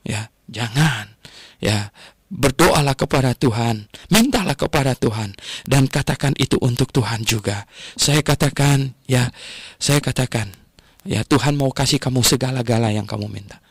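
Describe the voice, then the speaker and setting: A male radio preacher delivers his sermon with animated emphasis, often tagging his sentences with little affirmations. His voice sits at an ordinary pitch and sounds close and dry, with no room echo. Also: normal speed, slightly rough. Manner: animated storytelling, frequent "ya" tags.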